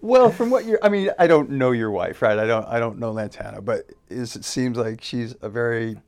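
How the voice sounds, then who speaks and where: A man's voice: mid-range voice, lively intonation, moderate pace, a little mellow. Podcast host, man, chatty, reacts a lot. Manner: chatty, reacts with short affirmations. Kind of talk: casual podcast chat.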